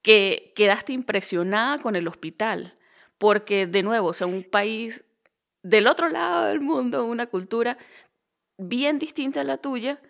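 A woman interviewing a guest, asking animated questions and often murmuring agreement. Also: on the high side, unhurried, vocal fry. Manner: animated, questioning, frequent backchannels.

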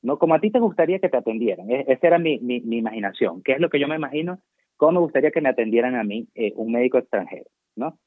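A man's voice: medium pitch, expressive, racing, dry recording. Venezuelan man on a tinny phone line. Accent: Venezuelan Spanish. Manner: chatty, digressive, self-mocking. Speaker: guest doctor working abroad. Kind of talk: casual interview chat.

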